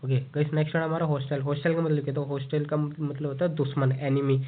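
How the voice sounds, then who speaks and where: A man teaching exam vocabulary in a fairly high voice, going over each word patiently. He reads the English example sentences slowly and keeps repeating a checking phrase. The sound is thin and tinny, like a phone line. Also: level tone. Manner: repeats "ठीक है" and "उसको क्या बोलते हैं?" often.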